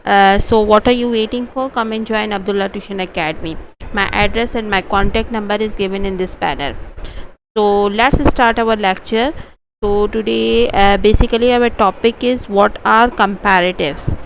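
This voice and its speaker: A woman's voice: medium pitch, steady tone, very slow, noisy background. A woman tutor giving a grammar lesson from slides, hesitating often with filler sounds and switching between English and Hindi. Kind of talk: slide-based grammar lecture.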